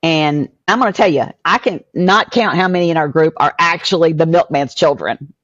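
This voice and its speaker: A woman in her sixties from a small town, a podcast guest, telling her family story in an animated way that acts out what others said. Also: low-pitched, moderate pace, dry recording, highs cut off. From southern US small town. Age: 60s. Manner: animated storyteller acting out quoted voices. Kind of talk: emotional storytelling interview.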